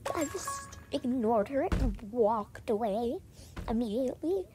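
A woman's voice: fairly high pitch, expressive, unhurried, warm tone, soft background music. A young woman casually telling a dramatic story, acting out the people in it. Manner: chatty and dramatic, acting out quoted friends.

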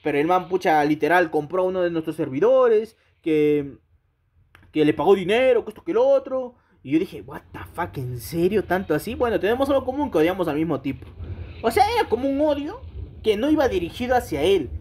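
A woman, hosting a gaming channel and telling a casual, ranting story straight to her viewers, full of fillers and quick checks that they follow. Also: fairly low pitch. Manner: animated, addresses viewers directly with frequent fillers and rhetorical checks.

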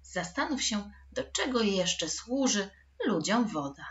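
A woman's voice: medium pitch, animated, takes it slowly, a bit bright, highs cut off. A woman teaching a recorded school lesson for children, patient and addressing the pupils directly.

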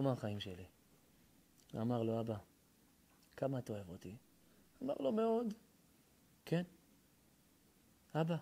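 A rabbi with an Israeli accent giving a dramatic sermon, telling stories and swinging from hushed tones to shouting. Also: male voice, medium pitch, husky. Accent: Israeli Hebrew. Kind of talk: sermon with storytelling. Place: synagogue or lecture hall.

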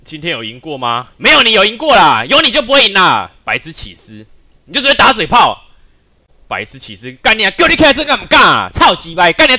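A game streamer with a Taiwanese Mandarin accent rants without pause, firing off curse after curse. His voice sits high and very bright, and it leaps wildly up and down. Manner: nonstop cursing, yelling. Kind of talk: raging live-stream rant.

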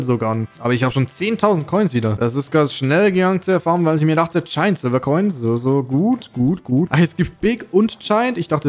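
A young man giving chatty, excitable commentary while playing a game, often pleading with it for rewards. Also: mid-range voice. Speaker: gaming YouTuber. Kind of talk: casual let's-play commentary. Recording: faint music under the voice.

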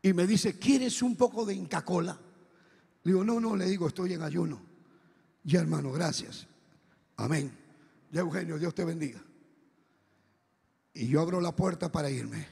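A man preaching a dramatic testimony, shouting at some moments and hushed at others, with a raspy voice. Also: a little high, moderate pace, pauses often. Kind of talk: sermon testimony. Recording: echoey hall with long reverb.

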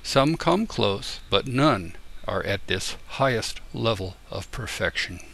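An older man from the United States reading a letter aloud in a deliberate, explanatory way. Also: mid-range voice, sharp tone. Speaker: tutor and YouTuber.

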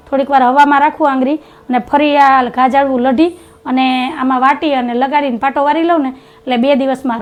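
A middle-aged woman, chatting casually in a home vlog, teasing and giving homespun advice. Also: high-pitched. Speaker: family vlogger.

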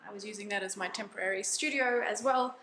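A woman in her thirties talking to a handheld camera in a vlog, reflective and chatty with soft laughs. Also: mid-range voice, fast, a little hiss or hum. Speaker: vlogger. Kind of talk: casual vlog talk to camera. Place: small indoor rooms of a house. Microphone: phone camera held at arm's length. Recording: roomy sound.

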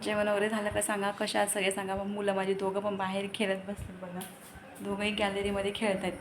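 A woman's voice: medium pitch, completely flat delivery, fast talker, a little hiss or hum. A young woman from Maharashtra, a mother of two, chatting casually to her viewers at home and scolding her kids in between. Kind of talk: casual family vlog chat to viewers. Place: home with a gallery.

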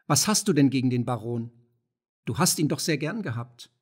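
A man reading the lines of a flustered middle-aged mother who scolds and pleads with her son in a husky voice. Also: mid-range voice, lively intonation. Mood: pleading. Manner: pleading, hurried, maternal.

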